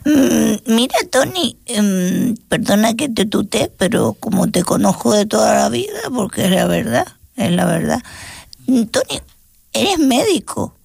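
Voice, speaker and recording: Playful, gravelly-voiced woman host. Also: fairly high pitch, very animated, unhurried, a little mellow, dry recording, studio quality. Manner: playful, teasing, chatty. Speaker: interview host. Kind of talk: casual chat interview.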